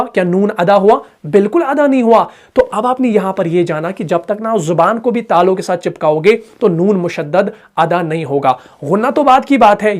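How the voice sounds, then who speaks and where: A man's voice: high voice, a little mellow. A man teaching Quran recitation, patiently repeating points, checking that students follow and demonstrating sounds aloud. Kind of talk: explanatory lesson.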